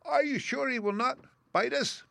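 Man putting on a squeaky little mouse queen, very high, proud and indignant, storybook voice, dry close sound. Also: expressive, a little slow, fairly bright tone, no room sound. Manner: indignant, regal, easily alarmed.

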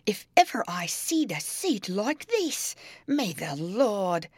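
A woman voicing a pious old male servant, high and wailing in horror, read as part of a storybook. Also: big pitch swings, slow, breathy edge, dry recording, heavily acted. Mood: horrified.

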